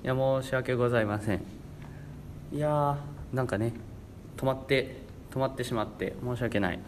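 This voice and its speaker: A man's voice: medium pitch, normal speed, slight background noise. A young man around eighteen hosting a casual radio chat in a rambling, stumbling way, often repeating himself. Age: young adult, about 18. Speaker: radio show host.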